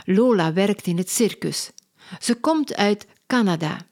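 A woman reading a children's story aloud, clear and sing-song, sentence by sentence. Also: medium pitch, expressive, unhurried, a little mellow.

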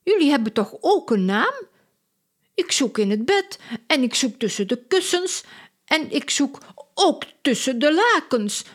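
A woman doing a shrill, frantic lady clown. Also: sing-song, measured pace. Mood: eager. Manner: shrill and exclaiming. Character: excitable, fussy adult woman circus clown. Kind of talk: storybook character voice.

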